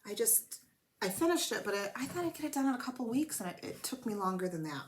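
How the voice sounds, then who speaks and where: Coughing from a cold, a woman hosts her flosstube stitching show from a home room with blanketed windows, rambling and self-deprecating in a chatty show-and-tell. She speaks quickly in a slightly high voice with lively intonation. A faint hiss or hum runs under the recording.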